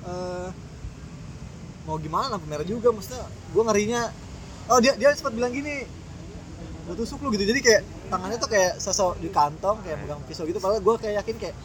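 A man's voice: high-pitched, brisk, a crowd in the background. A young man with a Jakarta accent telling a slangy street story in casual chat, acting out the people he quotes. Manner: slangy, animated storytelling that acts out quoted exchanges.

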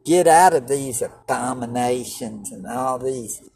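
Guy doing doomsday street preacher sermon, slow talking, kinda far from the mic, folksy n urgent about repenting. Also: medium pitch, a little mellow. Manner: exhorting, plain-spoken and folksy, urging repentance. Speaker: lay street-style preacher. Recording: distant mic with noticeable background noise.

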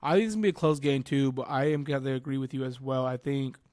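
A man's voice: medium pitch, steady tone, fast, a little mellow, no echo, clean studio sound. A man co-hosting a sports podcast who teaches school by day, talking in joking, slangy banter. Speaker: podcast co-host. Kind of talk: casual sports podcast chat.

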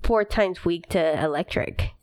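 A woman chatting casually as a podcast co-host, soft-spoken, giving short replies and giggling. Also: lowish voice, unhurried. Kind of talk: casual chat.

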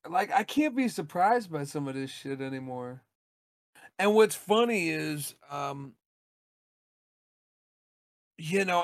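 A man's voice: a little high, dry recording, studio quality. A man co-hosting a podcast, ranting bluntly and swearing in casual chat. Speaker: podcast co-host.

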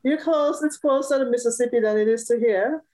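A woman's voice: fairly high pitch, fairly quick, warm tone, rough recording. A woman from Cameroon, a musician guest in a casual interview, talking cheerfully and laughing often.

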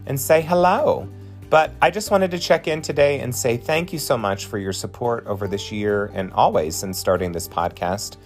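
A medium-pitched man in his forties speaks at a normal speed in a casual podcast monologue, soft music playing underneath. As a podcast host and drag performer, he is chatty, effusive and encouraging, addressing listeners directly.

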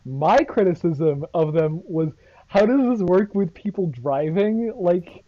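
A man's voice: high voice, expressive, a little slow. A man co-hosting a casual podcast, asking questions and sounding mildly exasperated. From United States. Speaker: podcast co-host. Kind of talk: casual chat. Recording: dull, muffled sound.

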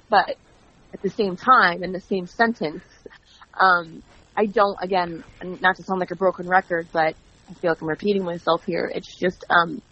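A woman being interviewed as a wrestling commentator, telling stories in a chatty, animated way and acting out quoted dialogue. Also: on the low side, breathy edge. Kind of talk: casual interview. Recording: dull lo-fi audio.

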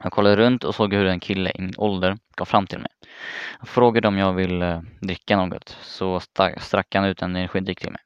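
A young man tells a personal story in a low, smooth voice. He talks casually and haltingly, often restarting his words. The recording is dry and a little muffled. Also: flat delivery, no echo. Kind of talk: first-person story narration.

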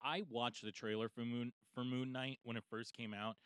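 Male co-host, bright edge, swears freely, dry close mic. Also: medium pitch, flat delivery, normal speed, clear, resonant tone, no echo. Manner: crude, profane storytelling. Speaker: podcast co-host. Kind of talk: casual pop-culture chat.

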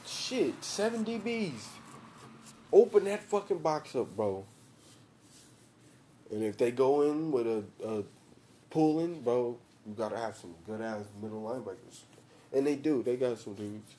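A man's voice: mid-range voice, expressive, normal speed, mellow. A young American man chatting casually about sports in a slangy, profane, repetitive and emphatic frat-bro manner. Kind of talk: casual chat about football tactics.

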